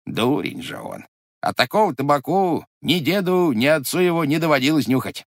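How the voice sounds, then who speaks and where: A man's voice: fairly high pitch, animated, moderate pace, no echo, studio quality, pitched above the performer's own voice. A man voicing a stubborn, grumbling old grandfather who mutters and exclaims to himself.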